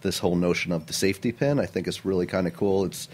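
A middle-aged man with a notably low voice, speaking as a chef in a studio interview. He answers earnestly and with energy, sprinkling in "you know" and "um" as he goes. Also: fast, darkish tone, a little hiss or hum. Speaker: chef and restaurant owner. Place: radio studio.

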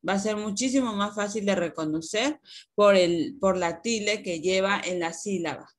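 A woman teaches young pupils over a video call. She explains patiently and slowly, asking questions and then answering them. Her voice sits at an ordinary middle pitch. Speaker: primary school teacher. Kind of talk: online class lesson.

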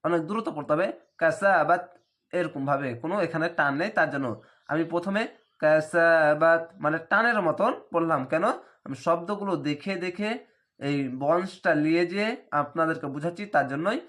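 A man's voice: on the high side, a bit bright. A man teaching Quran reading in Bengali, spelling out each letter and vowel mark before reciting the word. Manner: spells letters and vowel marks slowly, then reads the word drawn out.

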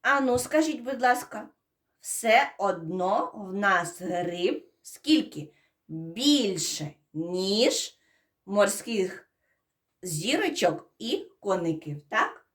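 A woman's voice: medium pitch, very animated, very slow, a bit bright. A woman, a preschool teacher, giving a counting and first-sound lesson to young children, asking questions and prompting answers. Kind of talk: early-years counting and phonics lesson.

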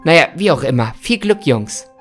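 Man putting on a high, bubbly woman boss. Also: sing-song, normal speed, faint music behind. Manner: bright, gushing, breezy. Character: cheerful, chatty adult woman boss.

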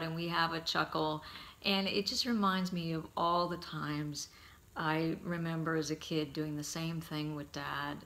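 A middle-aged man giving a heartfelt eulogy, telling stories about his father in a halting, storytelling way. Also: on the high side. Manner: warm, halting anecdotes with frequent pauses.

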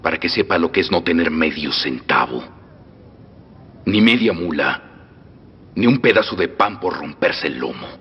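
In a film dub, a Mexican-accented actor plays a middle-aged revolutionary general, menacing and teasing, given to threats and loud laughs, swinging from soft menace to loud outbursts. His low-pitched, husky male voice is animated at normal speed, with long pauses and a full character voice. Long reverb and faint music run through the dull soundtrack.

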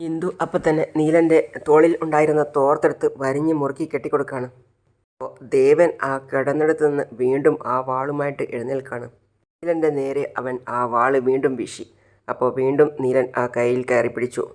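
A man's voice: medium pitch, level tone, fairly quick, darkish tone. A man casually narrating a recap of a TV serial episode, stepping into the characters' lines as he goes. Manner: retells scenes and acts out the lines of each character.

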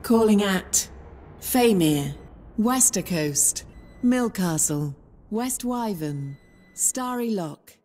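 A woman's automated platform announcement for a game railway, made of spliced-together recorded words that jump in pitch and loudness from word to word. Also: lively intonation, slight background noise. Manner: stilted, slow, jumps in pitch and loudness between words. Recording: reverberant station loudspeaker.

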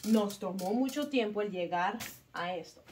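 A woman's voice: mid-range voice, moderate pace, music in the background. Chatty woman teacher full of fillers. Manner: chatty, many filler words, self-correcting; sounds out words syllable by syllable. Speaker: kindergarten teacher. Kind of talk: casual explanation to parents.

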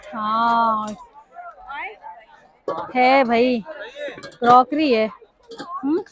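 A woman's voice: on the high side, extremely slow, fairly bright tone. A Pakistani woman with a Pakistani Urdu accent, filming a casual shopping vlog on her phone and chatting as she asks stall prices. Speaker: shopping vlogger. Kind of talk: casual walk-through vlog. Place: crowded outdoor street market. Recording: busy crowd noise behind.

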